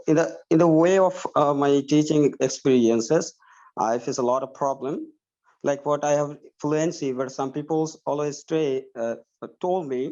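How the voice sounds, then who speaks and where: A man in his thirties with a Bangladeshi accent, a high school teacher asking questions in an online class, talking with many fillers and restarts. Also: a little mellow, lo-fi sound.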